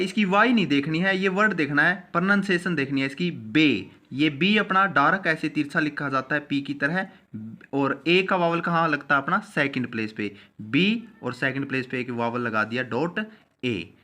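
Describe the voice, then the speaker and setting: Man, shorthand teacher, slow and deliberate, repeats each step, bright tone. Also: fairly high pitch. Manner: slow, repeats each step aloud, often says "theek hai". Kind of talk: classroom lesson.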